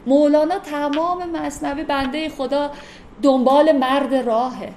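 Woman teacher chatting through old poems, lively and wry, high voice. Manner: lively, quickens into wry asides. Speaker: teacher explaining Persian poetry. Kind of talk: casual explanatory lecture. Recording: echoey room, faint ambient noise.

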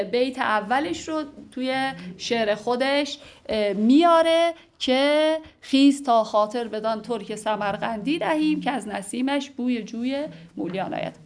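Chatty woman explaining classical poetry. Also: high voice. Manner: conversational, with fillers and asides. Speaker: literature teacher. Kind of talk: informal lecture on classical poetry.

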